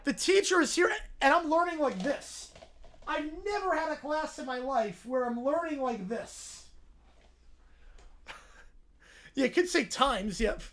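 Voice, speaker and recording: A woman giving casual livestream reaction commentary, excitable and mocking, often gleefully repeating phrases. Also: high voice. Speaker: livestream host reacting to videos.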